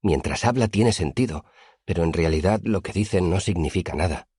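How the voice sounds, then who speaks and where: A man voicing an earnest young male student who speaks bluntly and heatedly in an audiobook, with a husky voice. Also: low voice, moderate pace, a little mellow, no room sound, clean studio sound, pitched above the performer's own voice. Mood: wry. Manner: heated, complaining.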